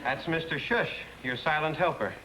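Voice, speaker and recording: An actor playing an excitable young husband and comic-book artist in a 1960s sitcom, talking fast and anxiously. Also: male voice, fairly high pitch, over a noisy crowd, close to an everyday voice. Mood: excited. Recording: noisy TV audio, loud studio audience.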